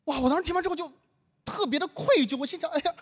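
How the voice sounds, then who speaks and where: A young man from northern China telling a stand-up comedy story, acting out the dialogue with lively delivery. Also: very high voice, racing.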